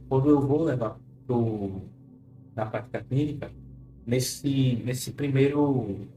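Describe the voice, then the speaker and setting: A man's voice: medium pitch, dark tone. A Brazilian man speaking as a therapist and hypnosis teacher, reassuring and instructive as he leads an informal guided self-care session. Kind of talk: informal live talk moving into guided relaxation. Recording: roomy echo with faint music.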